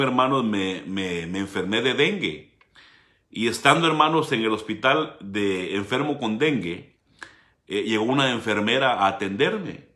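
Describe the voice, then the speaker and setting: A man preaching a sermon as pastor, calling out to the congregation and swinging between loud emphasis and hushed asides. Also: lowish voice. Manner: preaching with frequent direct address to the congregation. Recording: roomy church hall sound.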